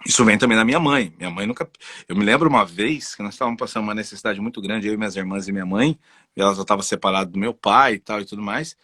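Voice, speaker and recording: A man with a Brazilian Portuguese accent, a guest and voice specialist, talking in a casual, animated way and telling personal stories. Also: lowish voice, rapid-fire, no room sound, studio quality. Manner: animated, personal storytelling with frequent "entendeu?". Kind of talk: casual conversational interview.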